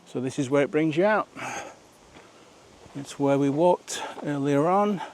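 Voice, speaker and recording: A man's voice: a little high, measured pace, a little mellow, a little hiss or hum. A man narrating a walking vlog outdoors on a rural nature trail, chatty and rambling, asking viewers questions as he goes. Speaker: vlogger.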